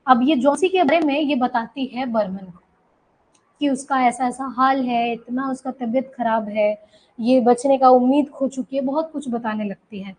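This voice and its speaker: A woman's voice: high voice, normal speed, a little mellow, low-quality recording. A woman teacher lecturing students in Hindi, explaining an English story line by line and checking in with them as she goes.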